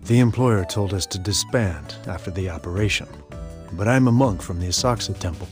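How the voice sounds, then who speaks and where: Over clear music, a principled temple monk voiced by a male actor speaks in a fairly low voice. He is stoic, formal and measured, as a video game character. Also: close to an everyday voice. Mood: calm. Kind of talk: game voice acting.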